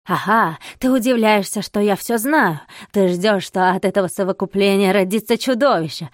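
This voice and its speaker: A woman reading an audiobook voices a furious, fanatical male monk who shouts curses and accusations. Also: medium pitch, dry recording, clean studio sound, natural voice.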